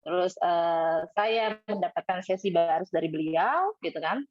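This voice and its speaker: Perempuan bercerita santai dengan suara agak redup. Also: female voice, lively intonation, measured pace, no echo. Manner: chatty, acts out quoted dialogue with rising pitch. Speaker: interview guest. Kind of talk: casual storytelling. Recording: dull dry lo-fi sound.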